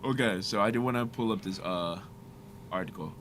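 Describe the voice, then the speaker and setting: Bright-voiced man, slangy casual host. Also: lowish voice, brisk, a little hiss or hum. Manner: slangy, laughs often, reads an article aloud with stumbles. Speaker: podcast host. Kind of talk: casual chat.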